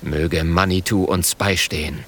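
A man doing a stern gruff old chief. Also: low-pitched, steady tone, measured pace, fairly bright tone, voice pushed down, full character voice. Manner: clipped broken sentences, stern.

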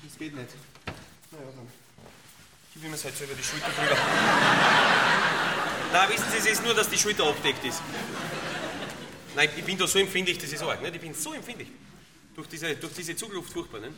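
A man with an Austrian accent rants through a comic monologue in a fairly high voice, grumbling and cursing. He sinks to low mutters, then flares into shouts. He sits away from the mic, with loud noise behind him. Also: expressive, moderate pace, long pauses, recorded from a distance. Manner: grumbling, swearing, swings between mutters and shouts.

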